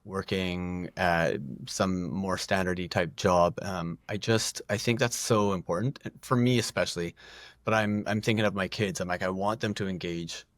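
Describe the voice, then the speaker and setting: A middle-aged man with a lowish voice talks at length as a podcast guest, circling back on himself and laughing at his own tangents. The sound is close and dry, with no room around him. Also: steady tone, moderate pace, a bit bright, dry recording. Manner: rambling, self-deprecating, frequent restarts and laughs. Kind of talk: casual podcast conversation.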